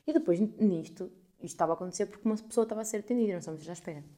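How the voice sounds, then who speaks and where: Young woman, European Portuguese accent, casual podcast storytelling, swears a lot, dark voice, rapid delivery. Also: mid-range voice. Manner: animated, swears freely, acts out quoted people. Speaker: podcast host.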